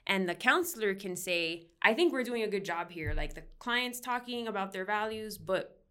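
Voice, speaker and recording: A counseling professor from Miami, United States, explains her research casually in a conversational podcast interview, dropping frequent "um" and "like." Her mid-range voice has lively intonation and a sharp yet smooth tone at a normal speed.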